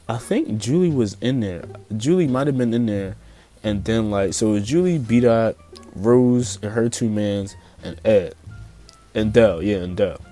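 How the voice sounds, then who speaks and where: A man's voice: fairly low pitch, mellow. Laid-back young Philly man telling stories. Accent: Philadelphia. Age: young adult. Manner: loose, profane, slangy storytelling with many fillers. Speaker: storyteller vlogger. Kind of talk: casual storytime.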